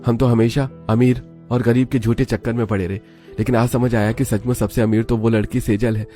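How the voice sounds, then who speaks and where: A man's voice: mid-range voice, steady tone, a little fast, warm tone, faint music behind, voice pushed up, lightly acted. A man voicing a humbled, apologetic elder brother. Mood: remorseful.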